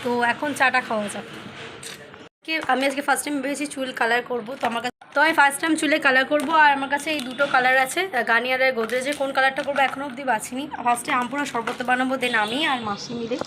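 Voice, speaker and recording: Hoarse young woman narrating her day. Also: high voice, steady tone, very fast, bright, forceful tone, slight background noise. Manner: chatty, recounting her day. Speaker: vlogger. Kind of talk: casual vlog voice-over.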